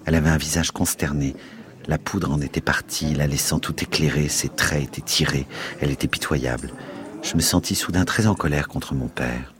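A male radio host narrating a novel in a steady, expressive reading. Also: rumbling low, moderate pace.

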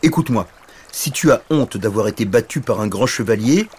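A man voicing a gruff, booming dragon who turns friendly in a fairy tale. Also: expressive, brisk, darkish tone. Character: grumpy then kindly male dragon.

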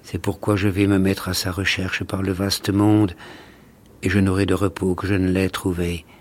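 A man's voice: low-pitched, flat delivery, moderate pace. A man reading aloud voices a proud, cruel boy, the star child, in a scornful, haughty tone. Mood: remorseful.

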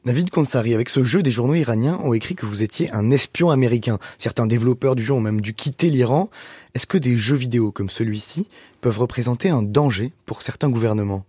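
A man hosting a radio interview, asking questions in a measured, formal way from a studio. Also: medium pitch, dark tone, breathy edge, dry recording. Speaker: radio host.

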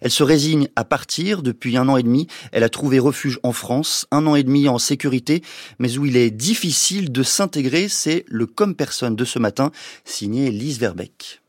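A man anchoring a radio news programme, introducing a report with crisp broadcast delivery. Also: medium pitch, normal speed, no room sound, studio quality.

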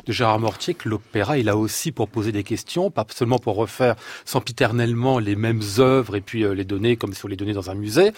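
Brisk French radio host, husky. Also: male voice, fairly low pitch, darkish tone, no room sound. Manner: brisk, affirming, quick follow-ups. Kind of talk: live radio interview. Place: radio studio.

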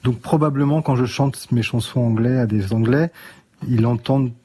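A man speaking on a radio interview in a mellow, slightly husky tone. He thinks aloud, restarting sentences as he works through his ideas. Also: medium pitch, normal speed. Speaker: musician guest.

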